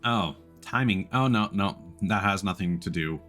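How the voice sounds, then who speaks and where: This deep-voiced man streams a game, talking casually and live as he thinks aloud through his play. He speaks at normal speed with a fairly bright tone, over soft background music and faint game ambience.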